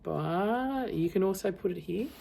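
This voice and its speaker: Her voice is low, with vocal fry, and she speaks expressively and without hurry. She's a guitar and singing teacher giving a beginner an encouraging, reassuring informal demonstration while an acoustic guitar is strummed.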